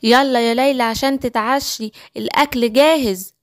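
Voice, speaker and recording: A woman voicing a gentle cartoon mom. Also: a little high, steady tone, moderate pace, dry recording, clean studio sound, lightly acted. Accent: Egyptian Arabic. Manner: soothing, motherly. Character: gentle caring mother. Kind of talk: storybook cartoon voice acting.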